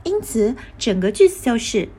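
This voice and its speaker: A woman reading a scripted English pronunciation lesson, explaining each sound slowly and carefully. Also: a little high, very animated, dark tone, breathy edge. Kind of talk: scripted instructional narration.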